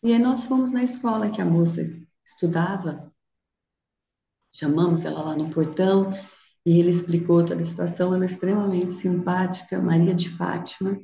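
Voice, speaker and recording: Gravelly-voiced Brazilian woman telling a story. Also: lowish voice, moderate pace, mellow, roomy sound, muffled recording, a little hiss or hum. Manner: vivid storyteller, acts out dialogue. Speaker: guest speaker. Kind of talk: personal storytelling talk.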